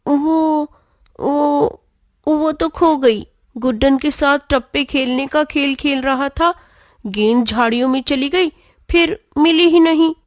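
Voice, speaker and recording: A woman's voice: high-pitched, unhurried, no echo, studio quality, voice pushed up. A woman voicing a playful little boy who coaxes and pleads in a children's storybook reading. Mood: sheepish. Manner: wheedling, coaxing.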